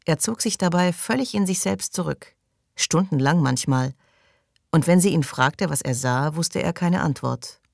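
Deep-voiced woman narrating an audiobook. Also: normal speed, gravelly, no room sound, studio quality. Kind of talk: scripted narration.

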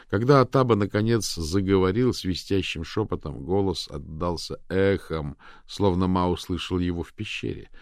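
A man reading an audiobook in measured scripted narration. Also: sits low, dry recording, studio quality. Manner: measured, storytelling.

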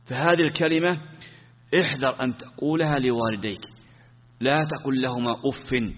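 A man's voice: medium pitch, normal speed. A male religious teacher gives a classroom Quran commentary lesson. He asks rhetorical questions, answers them himself, and repeats key phrases. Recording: tinny phone-like sound with long hall reverb.

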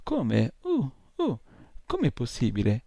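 A man's voice: medium pitch, wildly swooping pitch, takes it slowly, creaky, dark tone, no room sound, clean studio sound, exaggerated voice. A man voicing a whiny little male nightmare imp that whimpers and stammers in a storybook reading. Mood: bewildered.

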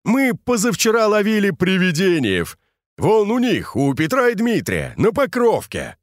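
A man's voice: sits high, wildly swooping pitch, measured pace, pitched above the performer's own voice, full character voice. A man voicing a boisterous, bantering Moscow drinker nicknamed the cruiser, in an audiobook. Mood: hearty. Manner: loud, hearty, bantering.

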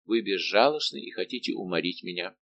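A man's voice: low-pitched, expressive, fairly quick, creaky, a bit bright, dry recording, dull audio, exaggerated voice. A man reading a tormented lovesick king.

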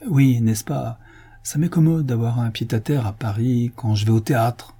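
A man reading the part of a sheepish, evasive gentleman suspect in an audiobook, with forced joking. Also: mid-range voice, steady tone, normal speed, husky.

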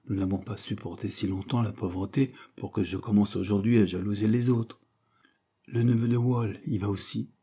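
A man's voice: fairly low pitch, dark tone, husky. A man voicing an earnest, determined young student in an audiobook. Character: eager young man, poor student set on university.

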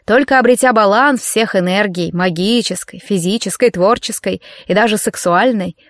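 A woman's voice: medium pitch, no echo, studio quality, lightly acted. Woman voicing a bellowing pompous male coach. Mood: lecturing. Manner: bellowing drawn-out commands. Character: loud pompous male martial-arts coach.

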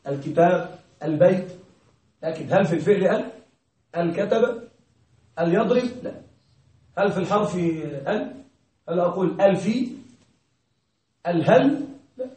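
A male grammar teacher giving a classroom lesson, questioning his students, checking that they follow and repeating key words slowly. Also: sits high, a little mellow. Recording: very echoey room, distant mic.

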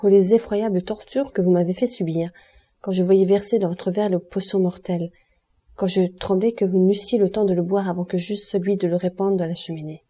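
A grave, mysterious count, read by a woman speaks low and insistently in an audiobook. The tone is very dark and mellow, a little husky, and softly restrained. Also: fairly even intonation, fairly quick, natural voice. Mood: grave hushed. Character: mysterious male count, calm, grave protector. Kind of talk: audiobook character reading.

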